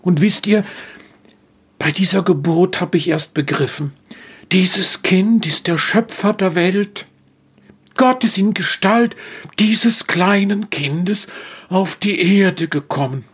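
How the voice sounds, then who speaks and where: A man voicing a gentle, devoted male donkey, telling the story in character with a soft, wondering manner. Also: sits high, slow, husky, exaggerated voice. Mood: awed.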